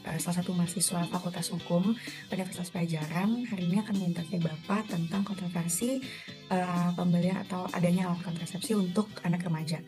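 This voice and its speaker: A woman's voice: on the low side, fairly even intonation, fast talker, music in the background. A young woman student interviewing an official, polite and hesitant with fillers. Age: young adult. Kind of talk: casual interview questions.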